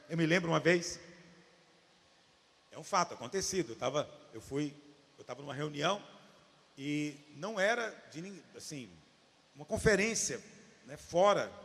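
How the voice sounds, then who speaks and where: Animated preacher, gravelly, echoing hall. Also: male voice, high voice. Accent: Brazilian Portuguese. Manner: animated preaching, swinging from hushed asides to shouts. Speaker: pastor. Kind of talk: sermon. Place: church hall.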